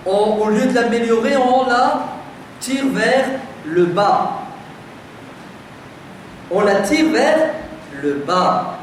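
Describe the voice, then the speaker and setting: A very high-pitched French man delivers a sermon to a community audience gathered in a community centre hall, speaking slowly with long pauses. In a lively, conversational lecture style, he fires emphatic rhetorical questions at the crowd. The recording is noisy, distant and heavily echoing.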